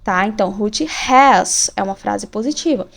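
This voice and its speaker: A woman teaching English grammar, explaining exercises slowly and reading the example sentences with care. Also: medium pitch, gravelly. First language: Portuguese. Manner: slow, careful, reads examples deliberately.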